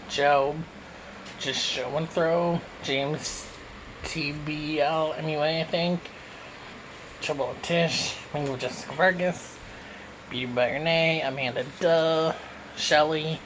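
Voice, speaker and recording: A man's voice: fairly high pitch, fairly even intonation, slow pace, long pauses, background noise. A man from Canada answering questions in a casual mukbang Q and A, talking with his mouth full as he eats, recorded on a phone. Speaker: YouTuber answering viewer questions.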